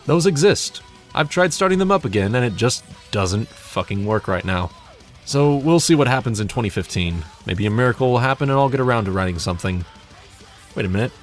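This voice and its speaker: Faint music sits beneath this young man's channel update, scripted but casual, delivered in a sweary, wry, self-deprecating way. He's a young adult hobby narrator who also directs audio plays, and his mid-range voice is animated and fairly quick.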